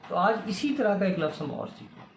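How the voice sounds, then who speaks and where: A man with a Pakistani Urdu accent teaching a recorded lesson to children, patiently repeating each word slowly and asking questions back. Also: high-pitched, sing-song. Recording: echoey room, faint ambient noise.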